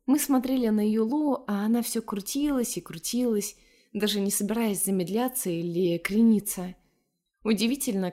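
A woman reading a first-person romance story aloud in a calm, measured way. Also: medium pitch. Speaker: narrator.

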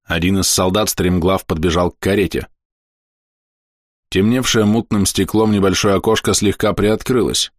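Low-voiced man narrating a fantasy audiobook. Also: no room sound, studio quality. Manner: measured, expressive storytelling with slowed dramatic pauses.

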